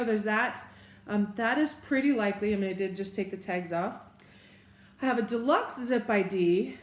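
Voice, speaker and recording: A woman's voice: on the high side, reverberant. A woman chatting casually as she shows items one by one and describes them step by step. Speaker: vlogger. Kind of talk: casual bag show-and-tell.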